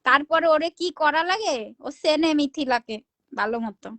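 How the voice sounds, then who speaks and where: Loud teasing woman on a dry phone mic. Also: sits high, lively intonation, moderate pace, no echo. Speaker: live stream host. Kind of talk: casual live chat.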